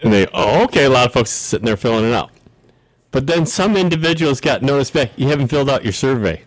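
A man's voice: mid-range voice, animated, quick pace, dry recording, low-quality recording. A man chatting casually as a radio co-host, jokey and mock indignant. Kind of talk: casual chat. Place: radio studio.

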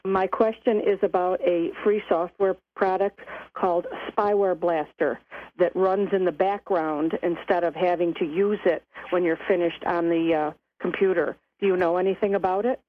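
A woman's voice: fairly low pitch, steady tone, normal speed. A woman calling in to a radio show, polite and chatty, heard over a phone line. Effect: phone line call-in. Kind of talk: call-in question to a tech show.

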